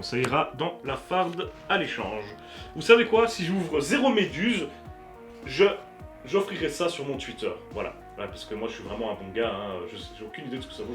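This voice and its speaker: A man talks his way through a pile of card packs, chatty, teasing and a little crude, with plenty of fillers. His voice sits at an ordinary middle pitch. Faint music plays underneath. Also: a bit bright. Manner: chatty, joking, casually crude, frequent fillers. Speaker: YouTuber opening card packs. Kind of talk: casual card-opening commentary.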